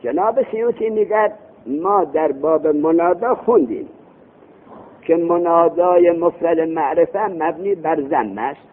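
Guy lecturing on grammar, husky voice, pitch jumping all over, sounds like a phone line. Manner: animated, reads Arabic text aloud then explains it, asks rhetorical questions. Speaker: teacher of Arabic grammar. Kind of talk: classroom lecture explaining a text, with anecdotes. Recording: tinny phone-like lo-fi recording.

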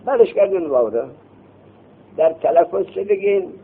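A man teaching a grammar class, quizzing his students with quick questions, answering them himself and scolding them to put things away and listen. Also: sits high, expressive, vocal fry, a little hiss or hum. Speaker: seminary teacher. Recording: tinny phone-like lo-fi recording.

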